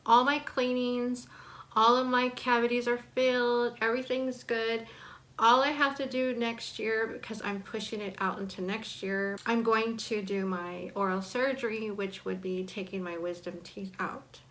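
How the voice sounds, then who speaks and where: A woman's voice: on the high side, steady tone, a little slow, a bit bright, rough recording. A woman in her forties chatting casually and candidly as a vlogger, her speech slightly impeded by braces and bite blocks. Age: 40s. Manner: candid, personal sharing. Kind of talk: casual chat to camera.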